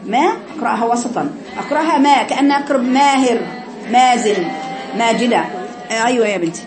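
A woman's voice: on the high side, fast talker, background noise. A woman with an Egyptian accent teaching a tajweed class, coaching her students and demonstrating sounds over and over. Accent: Egyptian Arabic. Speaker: Quran recitation teacher.

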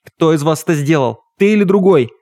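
A man voicing a vengeful, half-bodiless male magician who speaks in a hoarse, menacing tone in an audiobook. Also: a little high, lively intonation, brisk, mellow, no echo, studio quality, close to an everyday voice. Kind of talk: audiobook character voice.

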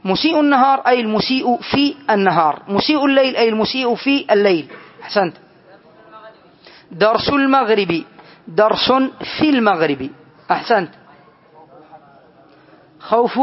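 A man teaching a grammar lesson to students, explaining slowly and deliberately and often putting questions to the class. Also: high-pitched, animated, muffled recording.

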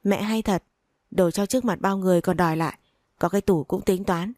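A woman's voice: medium pitch, brisk, mellow, dry recording, lightly acted. Woman doing a grumpy young husband, short and impatient, dry sound. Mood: irritable. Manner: curt, impatient. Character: young husband, curt and irritable.

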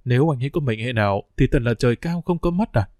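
A man voicing a worried middle-aged wife and mother who asks quick, anxious questions. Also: mid-range voice, lively intonation, a little mellow, dry recording, clean studio sound, lightly acted.

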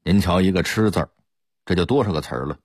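A man's voice: low-pitched, quick pace, a little mellow, husky, no echo, clean studio sound. A man giving an explanatory radio talk as presenter, lecturing and demonstrating dialect pronunciations.

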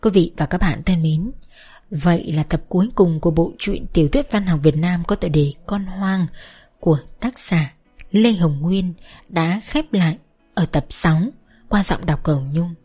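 A woman narrating a novel as an audiobook reader, reading softly, slowly and tenderly over faint background music. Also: lowish voice, breathy edge. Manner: soft, slow, tender storytelling.

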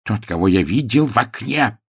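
A man reading an audiobook plays a jumpy, suspicious young gentleman who talks in an insistent, agitated way. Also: on the low side, expressive, normal speed, breathy edge, no echo, clean studio sound. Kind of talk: audiobook character voice.

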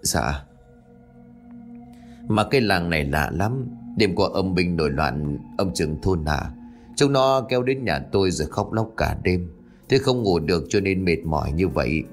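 A man voicing a frail old village spirit medium who speaks in a slow, weary murmur. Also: low-pitched, lively intonation, soft background music. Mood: weary, uneasy.

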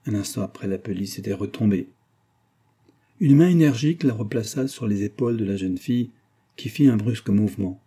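A man reading a classic novel aloud in a measured, even storytelling manner. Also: fairly low pitch, slightly rough. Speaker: audiobook narrator. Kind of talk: scripted narration of a classic novel.

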